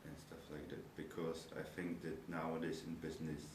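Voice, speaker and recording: A man's voice: rumbling low, level tone, brisk. A young man from the Czech Republic, Czech by first language, a university student answering interview questions in thoughtful, searching English. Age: young adult. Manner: thoughtful, searching for words, nonnative phrasing. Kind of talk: interview answers about his studies. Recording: echoey room, noisy background, mic far off.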